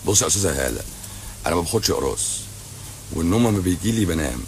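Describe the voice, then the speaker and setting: At night in a hotel lobby, a middle-aged man with an Egyptian Arabic accent, a doctor, races through viewer questions on a casual livestream Q&A. His low voice is expressive, his replies blunt, mocking, and sarcastic, and there's a little hiss or hum.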